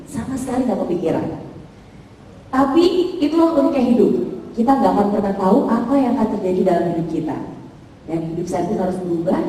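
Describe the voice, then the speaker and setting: A woman in her thirties from Indonesia, giving a motivational seminar talk and asking the audience lively questions. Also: medium pitch, a little hiss or hum. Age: 30s. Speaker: motivational speaker. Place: hotel function room. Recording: echoey hall from far off.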